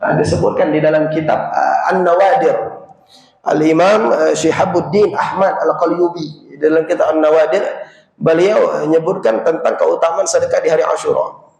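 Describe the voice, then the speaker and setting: A man's voice: fairly high pitch, steady tone, moderate pace, creaky, darkish tone. A man with a South Sumatran Malay accent preaching in a mosque, telling a story and acting out its dialogue. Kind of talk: storytelling sermon. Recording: very echoey mosque hall.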